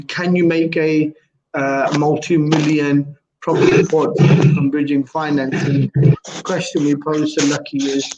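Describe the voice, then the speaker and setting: A man hosting a casual online interview, halting and often repeating his phrases. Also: fairly high pitch, noisy background. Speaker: host. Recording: dull lo-fi online call.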